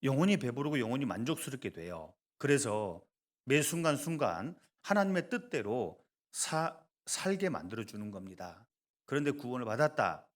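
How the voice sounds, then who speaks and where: Male pastor preaching in a lively, sing-song voice, with punchy emphasis, hushed asides and jokes for the pews. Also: mid-range voice. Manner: animated, swings between loud emphasis and soft asides; joking, conversational asides to the congregation. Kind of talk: sermon.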